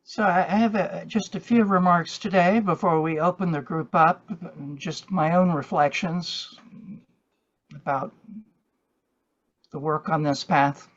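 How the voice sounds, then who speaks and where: A man hosting a spiritual group, speaking in a measured, reflective way with pauses, on a dull recording. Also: on the high side, steady tone. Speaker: group host and meditation leader. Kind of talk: spiritual talk and group facilitation.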